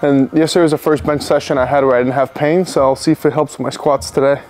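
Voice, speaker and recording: A man talking casually to the camera as a powerlifting vlogger, in between lifting weights and warming up. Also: mid-range voice, fairly even intonation, quick pace, soft background music. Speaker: powerlifter vlogging meet prep. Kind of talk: casual training vlog talk to camera.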